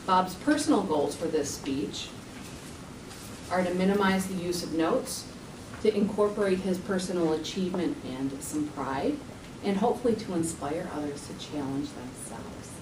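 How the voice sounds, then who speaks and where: Low-voiced woman introducing a speaker, echoey room. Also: expressive, moderate pace. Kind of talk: prepared podium introduction. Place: meeting room at a podium. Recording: echoey room, distant mic, clear background noise.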